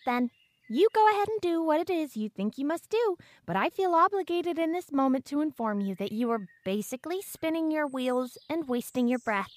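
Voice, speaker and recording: A woman's voice: sits high, no room sound. A woman playing a smug, menacing teenage girl. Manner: overly formal, wordy, smug and condescending. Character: pompous, coldly menacing 14-year-old girl hunter. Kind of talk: audio drama acting.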